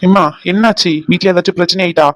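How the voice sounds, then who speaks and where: A man's voice: high-pitched, fairly even intonation, fast, fairly bright tone, no room sound. A man voicing the men of a cartoon family drama, earnest and pleading. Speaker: voice actor for male family members.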